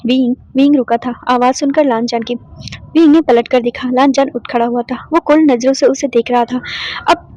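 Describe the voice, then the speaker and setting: A woman's voice: sits high, fairly even intonation, a little fast, warm tone, dry recording. A woman retelling a fan fiction story in a conversational way, often restarting her sentences. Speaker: story narrator. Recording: dull, dry lo-fi voice recording.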